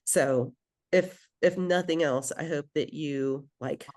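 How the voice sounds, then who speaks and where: A woman's voice: low-pitched, takes it slowly, darkish tone. A woman who grew up in Belgium, coaching a group through a nutrition program in a conversational way, with many fillers and questions to the group. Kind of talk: instructional group session.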